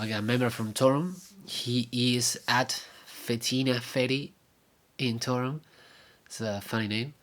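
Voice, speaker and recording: With a medium, slightly bright voice, a young man from Argentina speaking with his native accent records a casual update as a vlogger and podcaster. He stumbles along with lots of fillers, stops and fresh starts.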